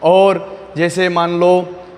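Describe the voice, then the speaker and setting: Slow, flat-voiced male lecturer. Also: sits high. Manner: slow, repeating key phrases word by word. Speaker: teacher. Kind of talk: exam-prep lecture. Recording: long reverb, faint noise.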